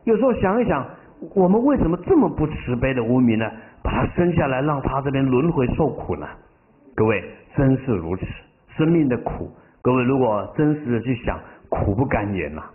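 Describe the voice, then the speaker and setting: A man's voice: medium pitch, very animated, a little hiss or hum. A man as a Buddhist master giving a sermon and telling stories, drawing out the ends of his phrases with feeling. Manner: drawn-out emotional phrase endings. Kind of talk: sermon with storytelling. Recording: tinny phone-like sound.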